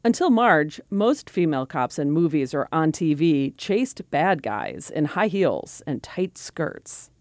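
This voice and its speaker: A woman reporter narrating a radio documentary in a clear, scripted way. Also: low voice, big pitch swings, takes it slowly, hardly any pauses, darkish tone.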